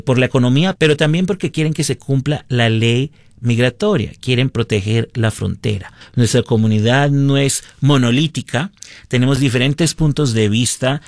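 A man born in the United States, a radio program director and host, giving measured, earnest commentary. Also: medium pitch, dry recording, clean studio sound.

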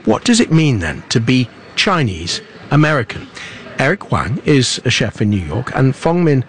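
A man with a mid-pitched voice hosts an interview. He introduces his guests and asks questions in a measured, clear way. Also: big pitch swings. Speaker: interviewer, host. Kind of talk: broadcast interview.

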